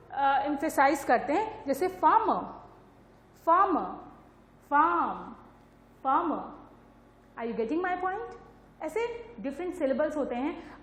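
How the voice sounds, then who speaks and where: A woman's voice: high-pitched, roomy sound. A woman teaching a polytechnic communication class, patiently repeating words to show stress and asking if the students follow. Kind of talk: classroom lecture.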